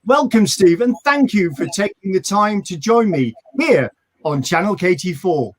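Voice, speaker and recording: A man's voice: high voice, expressive, a little slow. A man with a slight northern English accent hosting a local online news show from a virtual studio, chatty and friendly. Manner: friendly scripted intro, then chatty. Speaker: host. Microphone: video call.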